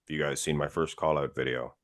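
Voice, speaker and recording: A man's voice: a bass voice, steady tone, fast talker, dry recording, studio quality. A man on a podcast chatting casually, opinionated and self-deprecating. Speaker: podcast guest. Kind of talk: casual chat.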